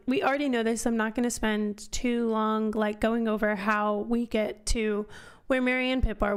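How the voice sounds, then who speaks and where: Smooth-voiced woman chatting on a stream. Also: fairly high pitch. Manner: chatty, rambling, answers chat questions aloud. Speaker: streamer hosting a book club. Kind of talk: casual live-stream chat. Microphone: headphones on, desk mic.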